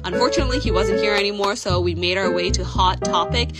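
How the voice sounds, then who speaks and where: Woman in casual haul voice-over, mid pitch, loud music bed under her. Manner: chatty, enthusiastic, quick asides. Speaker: vlogger.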